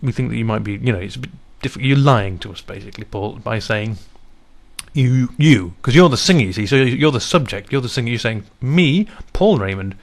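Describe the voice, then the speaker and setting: A man hosting a comic village radio show as its DJ, talking in a halting, stumbling, mock-serious way with many restarts. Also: medium pitch, vocal fry. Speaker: radio DJ and host. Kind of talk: improvised comedy radio banter. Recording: music playing underneath.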